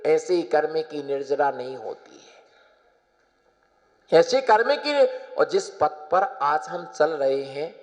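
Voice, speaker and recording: A male monk gives a sermon in a high, unhurried voice. He repeats his phrases and calls on the audience to answer back. A long hall reverb follows his words. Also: lively intonation, darkish tone. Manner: repetitive, prompting listeners to respond. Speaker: Jain monk.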